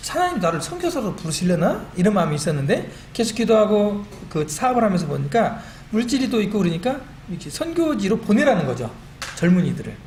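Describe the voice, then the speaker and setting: A middle-aged man giving a church testimony, animated and self-deprecating, recorded in a church meeting hall. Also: sits high, fast. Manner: animated and self-deprecating, quotes his own prayers. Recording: echoey hall with faint room noise.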